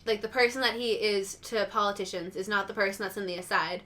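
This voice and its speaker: A woman talks through a TV show in a loose, rambling podcast chat. Her tone is bright and forward at a mid pitch. She leans on "like" and slips into little quoted reactions as she explains. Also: fast. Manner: rambling, heavy use of "like", acts out reactions in quotes. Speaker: podcast co-host. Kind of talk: casual pop-culture chat.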